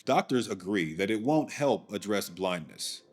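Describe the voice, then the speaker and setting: A man's voice: on the low side, animated, measured pace, slightly rough. A man hosting and narrating a documentary in a scripted way, with dry, sardonic asides. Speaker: documentary host.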